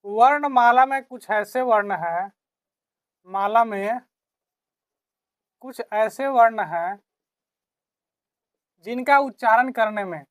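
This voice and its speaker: A woman teacher talks through a grammar lesson at an unhurried, deliberate pace, saying key phrases twice over. She asks quick questions and answers them herself, and her voice sits fairly high for a woman, recorded close and dry. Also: no echo.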